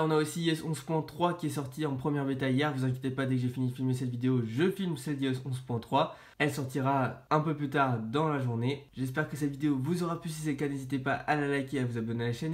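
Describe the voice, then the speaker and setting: Congested French man, sick with a cold. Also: mid-range voice. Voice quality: congested, stuffy nose. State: sick with a cold, sore throat, tired. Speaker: tech video host. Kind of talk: informal explainer to viewers.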